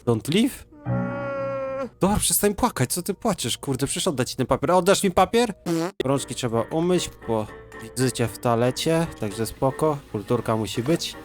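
A young man giving let's play commentary, excitable and laughing, often swearing and reading game text aloud. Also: mid-range voice, moderate pace, faint music behind. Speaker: gaming YouTuber.

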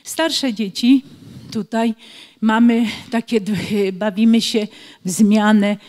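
A middle-aged woman who writes for early education explains speech games to preschool teachers in an online conference, now and then reading short children's rhymes slowly and rhythmically. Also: a little high, steady tone, darkish tone. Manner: explanatory, reads children's rhymes aloud with slow rhythmic emphasis. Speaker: author and early-years educator. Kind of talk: webinar talk for preschool teachers. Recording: long hall reverb.

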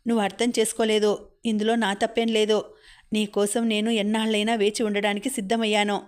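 A woman voicing an earnest young man who proposes in a soft, steady, pleading voice. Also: medium pitch, fairly quick, clear, resonant tone, natural voice. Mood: tender pleading.

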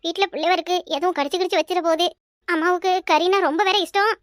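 A voice actor playing a sly, mocking young daughter-in-law in a cartoon. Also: female voice, very high-pitched, fairly even intonation, fast talker, fairly bright tone, dry recording, studio quality.

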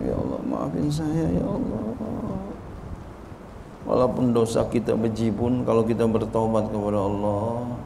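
A middle-aged man with an Indonesian accent, preaching slowly and emotionally from a religious text, repeating lines and chanting short prayers. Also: medium pitch, vocal fry, noisy background. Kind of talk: religious study sermon.

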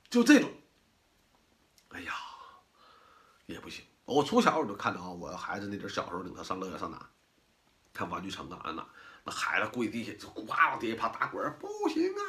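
A man giving animated casual commentary on raising children, mimicking kids and parents in high squeaky voices. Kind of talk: casual spoken commentary to camera.

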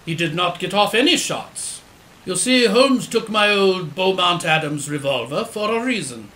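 A man plays a loyal, earnest doctor in an audio drama. The voice is high and bright, explaining things in measured phrases in a roomy space. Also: expressive, heavily acted. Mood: earnest recounting. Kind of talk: audio drama acting, storytelling.

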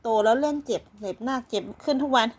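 A woman's voice: fairly high pitch, fast, a little hiss or hum. A woman talking to her pets at home in a coaxing, scolding baby-talk way. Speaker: pet owner. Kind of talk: casual chat to her pets.

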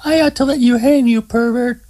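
A man voicing a fiery, teasing young woman in a strained falsetto for an audiobook. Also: level tone, a little fast, warm tone. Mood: taunting.

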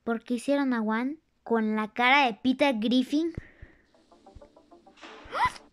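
Reacting to an animated series, a YouTuber adopts a fake, cartoonish voice far from their natural one, extremely high and drawn out slowly. They exclaim excitedly, repeat lines as they watch, talk with viewers, and laugh when they slip up.

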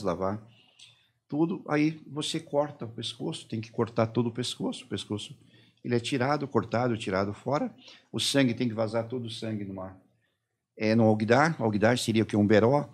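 A middle-aged man from Brazil, a podcast guest, telling his story haltingly and quoting the people who questioned him. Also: on the low side, husky. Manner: halting retelling, quoting his interrogators and himself. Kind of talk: personal testimony in a podcast interview.

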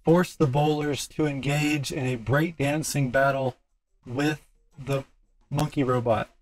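A man's voice: medium pitch, steady tone, unhurried, no room sound, soft background music, rough recording. A man live-streaming who laughs often and reads out joking prompts in a casual way.

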